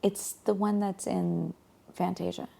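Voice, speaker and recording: Woman with a gravelly voice, casual chat. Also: medium pitch, level tone, unhurried, warm tone. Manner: chatty, corrects and prompts partner. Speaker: co-host.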